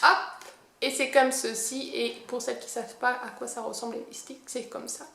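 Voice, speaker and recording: A woman's voice: fairly high pitch, steady tone, moderate pace, gravelly, bright, forceful tone, slight background noise. A woman chatting casually through a makeup product review, hesitant and self-deprecating, often searching for words. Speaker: beauty vlogger. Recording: echoey room.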